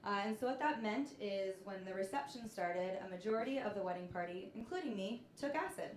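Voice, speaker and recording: A woman in her thirties doing a stand-up comedy set, telling stories in a deadpan way. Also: medium pitch, fairly quick, heavy background noise. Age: 30s. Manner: deadpan storytelling with punchlines. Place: comedy club stage with laughing audience. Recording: echoey club room.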